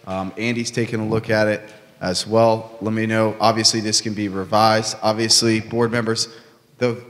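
A man chairing a public meeting, moving briskly through the agenda. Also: on the low side, fairly bright tone. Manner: brisk, procedural. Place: large meeting room. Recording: long reverb.

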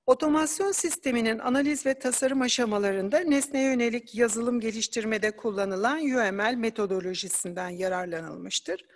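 A woman giving an academic conference presentation, explaining slides in a measured way with occasional hesitant fillers. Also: a little high, in a large hall.

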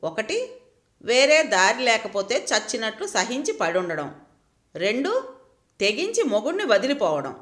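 Resigned, reasoning wife, lively, higher-toned delivery , read by a woman. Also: unhurried, pauses often, reverberant. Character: hurt but composed married woman.

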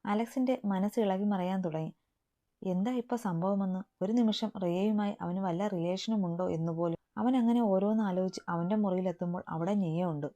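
Mellow woman narrating a story. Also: mid-range voice, normal speed. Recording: dull lo-fi recording.

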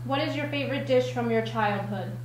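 A woman's voice: a little high, brisk, slight background noise. Woman asking questions in an echoey room. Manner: short plain questions. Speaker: reads viewer questions.

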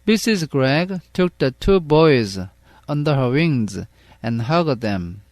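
A male English reading teacher who reads a storybook aloud very slowly, line by line, and translates each line into Korean. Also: medium pitch, expressive, a little mellow, dry recording. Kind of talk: read-along lesson with translation.

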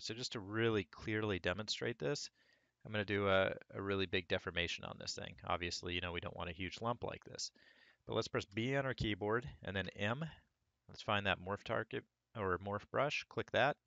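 A 3D sculpting instructor records a screen tutorial while recovering from a cold, his low, gravelly voice hoarse and cracking. He's relaxed and narrates each step as he works. The recording is dry and the audio dull.

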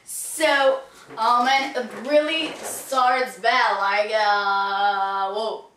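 A woman's voice: on the high side, fairly even intonation, extremely slow, a bit bright, slight background noise. A woman acting in an amateur parody skit, recorded on a camera microphone in a room at home. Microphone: distant camera microphone. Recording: echoey room, distant camera mic.

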